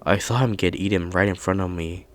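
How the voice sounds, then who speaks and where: A man narrating a scary story in a calm, measured storytelling manner. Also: low voice. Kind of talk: scripted horror narration.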